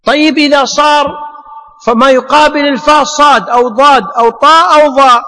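A man's voice: very high voice, fairly even intonation, fairly quick, pushed and bright. A male teacher giving a classroom lecture, explaining step by step with rhetorical questions and repetition. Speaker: teacher of Arabic morphology. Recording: long reverb, as in a lecture hall.

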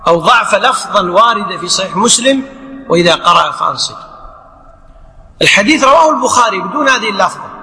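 Acting out the roles of imam and worshipper, an Islamic scholar explains prayer rulings through rhetorical questions. He speaks in a high, pushed, bright voice that echoes with hall reverb.

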